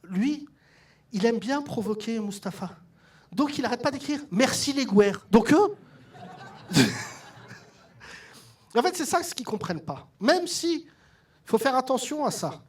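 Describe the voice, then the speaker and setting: A man doing a stand-up comedy set on stage, telling stories with lively delivery and mimicking his mother. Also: very high-pitched, a little slow, pauses often. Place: theatre stage with audience laughter.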